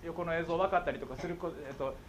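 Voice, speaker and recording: Here the Kansai-accented guest speaker on visual impairment talks fast in a voice on the high side, with a little hiss or hum in the background. The middle-aged man keeps things playful for the schoolchildren and often asks if they follow.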